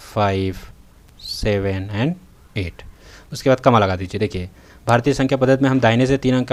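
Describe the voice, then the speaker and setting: A man teaching a math lesson in a touch, writing on a tablet as he talks and often checking that the students follow. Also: mid-range voice. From North India. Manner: repeats "theek hai" and "hai na", checks in with students. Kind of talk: tutorial lesson. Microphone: voice-over recorded while writing on a tablet.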